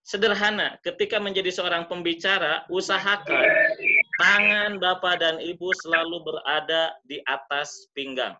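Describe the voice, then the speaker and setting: A man teaching public speaking in an online webinar, demonstrating intonation by deliberately swinging his pitch and pace. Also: dull audio, background noise. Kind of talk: webinar lesson.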